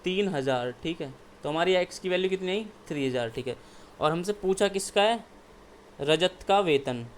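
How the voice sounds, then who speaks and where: High-pitched and expressive, the male teacher from India talks at a normal speed over slight background noise. He walks through exam maths step by step, answering his own questions and dropping in frequent "ठीक है" check-ins.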